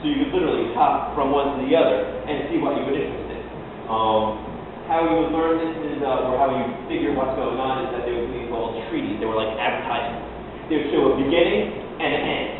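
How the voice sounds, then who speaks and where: A man's voice: medium pitch, a little fast, hardly any pauses. A man giving an explanatory spoken lecture as a fencing instructor, recorded from afar in a large, echoey room. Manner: explanatory, acting out short quotes. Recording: echoey hall, distant mic, tinny, noisy.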